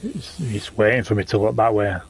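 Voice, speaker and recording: A man's voice: fairly low pitch, a little fast, slightly rough. A man streaming a horror game, commenting live in a scared, jumpy way and swearing as he plays. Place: small indoor room, wearing a VR headset. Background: horror game music and sounds.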